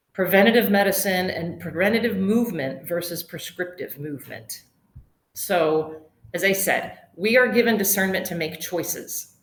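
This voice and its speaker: Brief: middle-aged woman, lowish voice, a chatty wellness webinar host who drifts into tangents. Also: a bit bright. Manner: chatty, digressive, laughs often. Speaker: yoga instructor and webinar host. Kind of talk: casual webinar talk. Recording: roomy echo.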